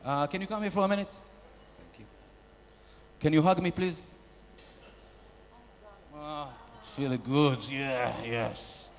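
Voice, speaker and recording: A comedian races through a lightly acted character bit with few pauses, playing a pushy, boastful investor known as a shark who barks loud, bossy, mock-grand business advice at a conference panel. The large hall makes the sound reverberant.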